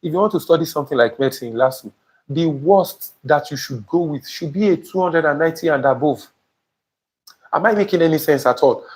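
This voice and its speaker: Speaking emphatically, a young Nigerian man with a higher-pitched voice gives a live-streamed lesson as an admissions tutor and keeps checking on his audience. He is in an indoor studio before a printed banner, using a small lapel mic.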